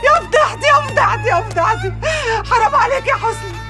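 An actress playing a young Egyptian servant woman who was betrayed, given to wailing laments and sharp scolding, in a TV drama with a music score. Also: high voice, fast talker, natural voice. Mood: wailing, despairing.

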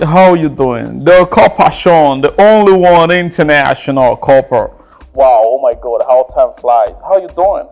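A jovial, effusive uncle, gushing greetings. His voice sits a little high, with faint music behind. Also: lively intonation, measured pace, creaky, darkish tone. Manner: effusive, chatty on the phone.

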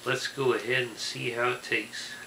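A man in his forties giving a deadpan, deliberate food review to camera in a small room. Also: medium pitch, echoey room. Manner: slow, deadpan, deliberate listing. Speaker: snack reviewer. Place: small room indoors with fabric backdrop. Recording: faint hiss in the room.

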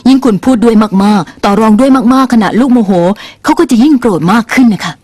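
A woman's voice: on the high side, brisk, darkish tone, no echo, lightly acted. A woman in a dubbed reality show, giving firm, instructive advice to parents as their coach.

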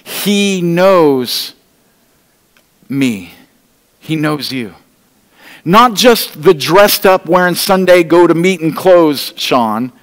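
Very slowly and with frequent pauses, an animated middle-aged pastor preaches to his congregation, earnest and pleading, his voice sitting a little high for a man. He strolls the stage of a large indoor church holding an open Bible, and his sermon rings with the hall's long reverb.

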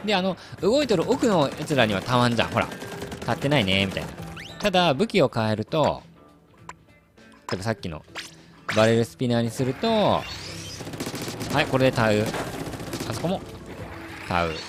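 A man's voice: mid-range voice, huge pitch swings, normal speed, pauses often, over music. A young man from Hiroshima with a Hiroshima dialect accent, giving chatty, playful gameplay commentary with frequent laughs. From Hiroshima, Japan. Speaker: game commentator.

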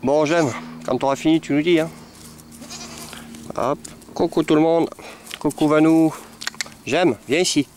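A man, a dog breeder, coaxing and training puppies among goats with affectionate baby talk and sudden high calls. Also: steady tone, measured pace, long pauses, noisy background. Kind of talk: talking to puppies and goats while training them. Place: animal pen with goats.

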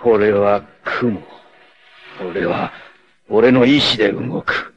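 A male actor playing a battered, defiant free-spirited warrior in a 1980s anime, cocky, rough-spoken and theatrical, with a gravelly, strained voice. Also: on the low side, drawn-out words, dull audio. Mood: cool defiance. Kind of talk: dramatic 1980s anime acting. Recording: noisy old anime soundtrack clips.

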